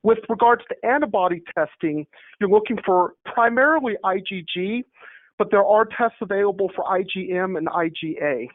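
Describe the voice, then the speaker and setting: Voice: medium pitch, moderate pace. A medical presenter joining a town hall over a group call line, explaining testing step by step in a methodical way. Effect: heard over a group call line. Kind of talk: technical slide presentation. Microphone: remote call connection. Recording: tinny phone-like call audio, dry.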